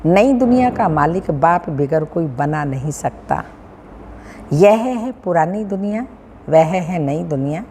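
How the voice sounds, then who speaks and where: A woman with a North Indian Hindi accent gives a slow, measured devotional reading in a sing-song cadence, pausing often and clearing her throat. Her voice sits somewhat low. The sound carries a long reverb from a large hall, with a faint hum of room noise underneath. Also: lively intonation, mellow. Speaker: spiritual teacher reading a daily discourse.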